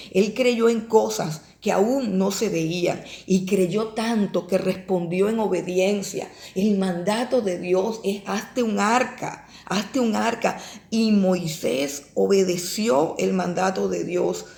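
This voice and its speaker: A woman preaches a Bible lesson with a gravelly edge to her mid-pitched voice. She drives her points home by repeating phrases and posing rhetorical questions. The sound carries the echo of a roomy space. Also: takes it slowly, a little mellow. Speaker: Bible teacher. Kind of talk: sermon. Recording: echoey room.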